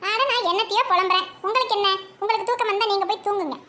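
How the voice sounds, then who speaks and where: A woman's voice: very high voice, steady tone, very fast, bright, forceful tone. A woman voicing a scheming young cartoon housewife with a Kanyakumari Tamil accent, fretting and muttering to herself. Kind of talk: cartoon voice acting.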